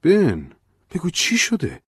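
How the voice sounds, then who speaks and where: Guy doing a nervous young woman, stammery, way up high, kinda husky. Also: wildly swooping pitch, a bit bright, no room sound, studio quality, exaggerated voice. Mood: anxious pleading. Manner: hesitant, stammering. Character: young woman, anxious aspiring novelist.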